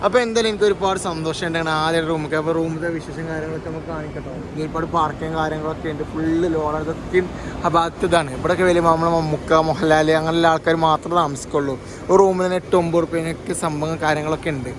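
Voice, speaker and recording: A man vlogging casually to viewers, mixing English slang into his Malayalam and excitedly repeating catchphrases. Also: a little high, quick pace. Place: hotel room and surroundings, on the move. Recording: noisy handheld vlog, ambient background noise.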